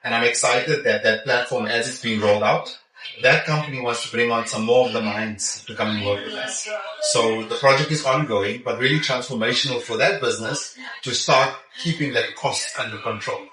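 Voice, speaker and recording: A middle-aged South African technology executive answers interview questions conversationally, often tagging a questioning "yeah?" onto his points. His medium-pitched voice has a sharp tone at normal speed, picked up by a distant mic in an echoey space full of crowd chatter.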